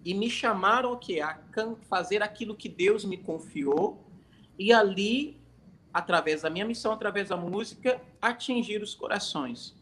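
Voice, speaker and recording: A man's voice: high-pitched, normal speed, a bit bright. Hesitant man telling a faith story. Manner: hesitant, many restarts and fillers, storytelling. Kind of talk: casual livestream testimony. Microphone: phone during a livestream.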